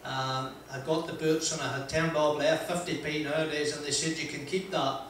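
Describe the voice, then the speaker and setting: The voice is a little high, level and a bit bright: an older Northern Irish motivational speaker telling self-deprecating stories, mic in hand, in a large wood-panelled room. His manner is chatty, sprinkled with "uh" pauses and laughs. It's recorded from a distance in an echoey hall, with a little hiss or hum.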